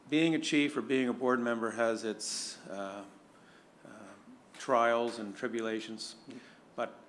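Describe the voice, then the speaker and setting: A man who is vice chair of a police board, giving a tribute at a meeting, halting and searching for words with many fillers. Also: medium pitch, a little hiss or hum.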